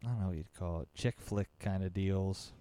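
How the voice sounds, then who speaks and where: A man chatting casually about movies, lively and swearing freely, often trailing off and restarting. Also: sits low, moderate pace, clean tone.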